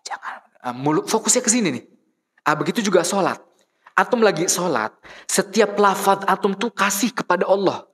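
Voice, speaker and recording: A man preaching a conversational sermon in a mosque, asking the congregation questions and answering them himself, moving between soft asides and raised emphatic points. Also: medium pitch. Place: mosque hall. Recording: reverberant mosque hall.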